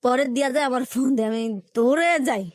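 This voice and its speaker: Speaking fast in a high-sitting voice, a woman recounts her life with emotion in colloquial Dhaka-area Bangladeshi Bengali, performing the dialogue in dialect. The recording is dry and clean, with studio sound.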